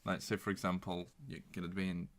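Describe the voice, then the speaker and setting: A lowish-voiced man talking loosely with a friend on a podcast. He swears a lot, teases, and drops into mock voices to make his point. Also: monotone, fast talker. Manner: sweary, mocking banter, slips into silly voices. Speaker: podcast co-host. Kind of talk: casual chat.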